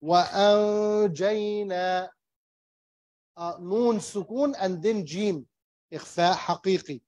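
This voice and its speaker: A man teaching Quran recitation rules, explaining slowly and patiently in English and demonstrating the recitation, repeating each term. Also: sits high, a little mellow, breathy edge, dry recording. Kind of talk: slow tajweed lesson, mixing English and Arabic. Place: small mosque classroom.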